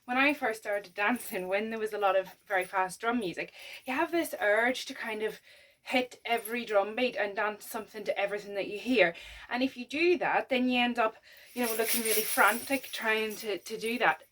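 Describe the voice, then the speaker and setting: A woman with a fairly high voice leads a dance lesson, talking through each step in a chatty, encouraging way. She sounds a little out of breath, and her voice comes from a bit away from the mic. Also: moderate pace, a bit bright, distant mic, low-quality recording. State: slightly out of breath. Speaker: dance teacher.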